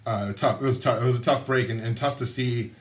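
Guy on a sports podcast, mid pitch, stops and restarts a lot, laid back chat. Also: brisk. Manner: hesitant, many restarts. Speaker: sports writer co-host.

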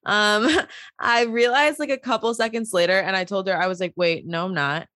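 Brief: young woman, 20, casual podcast co-host, rambly and chatty, mid-pitched, no room sound. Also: steady tone, moderate pace, fairly bright tone, no echo, studio quality. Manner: chatty, heavy use of "like" and "um". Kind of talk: casual chat.

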